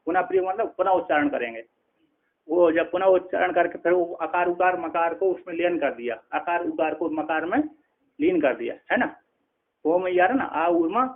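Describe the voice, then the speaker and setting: A man, a spiritual teacher, giving a scripture lecture, explaining slowly with many repetitions and checking in with his listeners. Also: a little high. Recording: tinny phone-like lo-fi sound.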